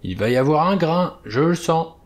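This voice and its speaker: A man's voice: fairly high pitch, expressive, moderate pace, pitched above the performer's own voice, lightly acted. A man voicing a doddering, drunk old sailor who wails plaintive warnings of doom in an audiobook. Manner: plaintive, solemn wailing.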